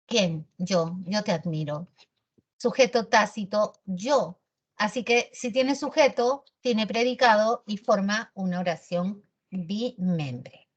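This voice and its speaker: A woman teaching an online grammar class in a lively, teasing, slangy way. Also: mid-range voice, slightly rough, dull audio.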